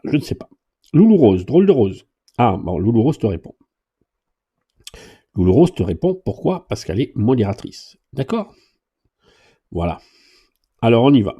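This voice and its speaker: A middle-aged man, a driving instructor, answers viewers' questions live. His pitch swings widely as he jokes and reads their comments aloud. His tone is dark and a little husky. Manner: chatty, joking, animated, reads comments aloud.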